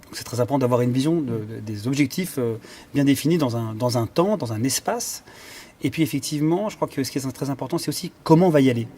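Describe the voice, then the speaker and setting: An animated, fast-talking Iranian conductor and cellist, he has a dark, mid-range voice. During the interview he answers thoughtfully but keeps pausing with fillers and starting over while searching for the right phrasing.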